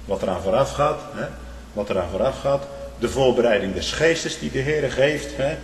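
A man's voice: medium pitch, animated, moderate pace, a little hiss or hum. Man preaching in an echoing church. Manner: tags phrases with "hè", swings from loud emphasis to hushed. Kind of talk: sermon. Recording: echoey hall with long reverb.

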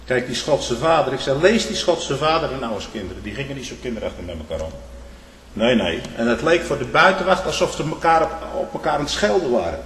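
Male preacher, mid-pitched, earnest sermon, long church reverb, faint room noise. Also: sing-song, a little fast, few pauses. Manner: tags phrases with "hè", swings from loud emphasis to hushed. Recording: echoey hall with long reverb.

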